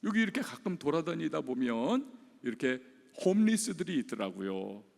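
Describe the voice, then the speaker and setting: A man's voice: a little high, normal speed, vocal fry, big-room sound. A male pastor preaching a sermon in a church, telling stories animatedly and acting out the people in them. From South Korea. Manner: animated storytelling, acting out voices of people in the story. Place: church sanctuary.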